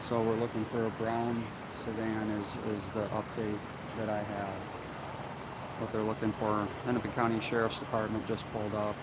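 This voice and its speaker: A man reporting live as a local news streamer, halting and repetitive as he gives an unscripted on-scene update outdoors in the wind. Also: on the low side, completely flat delivery. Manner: halting, repeats himself. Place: outdoors on a street at an active scene. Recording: loud wind noise, outdoor vehicle ambience.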